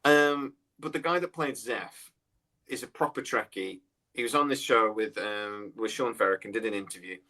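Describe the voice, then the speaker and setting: A man's voice: fairly low pitch, normal speed, bright, forceful tone. A man in his forties, chatting bluntly and scornfully as a podcast co-host, often restarting his sentences. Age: 40s. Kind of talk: casual opinionated chat.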